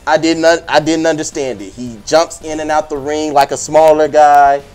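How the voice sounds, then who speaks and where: A man's voice: a little high, steady tone, normal speed, darkish tone, smooth, soft background music. A man talking sports casually as a podcast panelist, emphatic and repeating phrases for weight.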